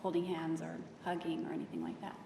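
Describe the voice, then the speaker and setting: A woman giving courtroom testimony, speaking softly and hesitantly from the witness stand. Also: lowish voice, fast talker, creaky, noisy background. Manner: soft, flat and hesitant. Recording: distant, echoey courtroom audio with long reverb.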